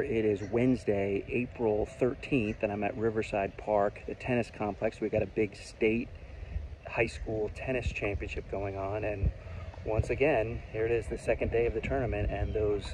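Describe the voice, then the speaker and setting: A man's voice: lowish voice, a little mellow. Annoyed guy venting on camera outside, faint traffic hum behind. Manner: indignant, exasperated. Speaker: local vlogger. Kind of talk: outdoor complaint vlog. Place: outdoors at a park's tennis courts.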